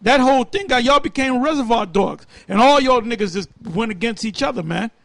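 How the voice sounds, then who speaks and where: A man with a very high voice, preaching in a scornful, fiery way and slowing right down to read old-style verses word by word. The recording is dry and close. His delivery swings between cutting remarks and solemn reading. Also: animated, gravelly, fairly bright tone, no room sound. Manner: scornful and fiery, reads verses slowly and deliberately. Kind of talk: heated religious commentary with scripture reading.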